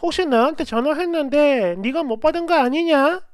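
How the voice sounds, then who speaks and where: A woman's voice: sits high, normal speed, no room sound, clean studio sound, lightly acted. A woman voicing a middle-aged mother who speaks politely on the phone and stands firm for her daughter.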